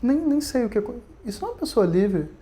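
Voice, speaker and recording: Man, Brazilian Portuguese accent, mellow warm tone, chatty storytelling lecture. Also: extremely high pitch, big pitch swings, fast. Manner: conversational, storytelling, frequent tag questions. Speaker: Vedanta teacher. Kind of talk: recorded online lecture.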